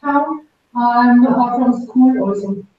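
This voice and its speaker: Woman, teacher from Germany, high voice, hesitant, distant echoey muffled mic. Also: slow pace, soft background music. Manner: hesitant, with fillers. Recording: echoey room, far-off dull mic.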